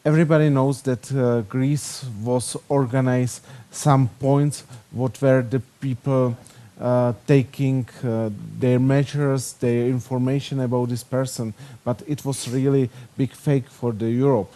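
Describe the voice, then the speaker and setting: A man from the Czech Republic, speaking at a conference panel, delivers his halting, non-native English flatly and with many fillers. His Czech-accented voice is warm and of medium pitch.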